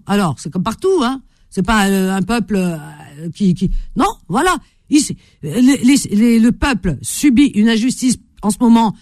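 A woman's voice: medium pitch, darkish tone, no echo, studio quality. A middle-aged woman hosting a call-in radio show, talking emphatically, with lots of hesitations and repetition. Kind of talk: opinionated call-in radio talk.

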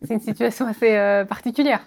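A woman hosting a radio interview, asking measured, courteous questions. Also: a little high, steady tone, gravelly.

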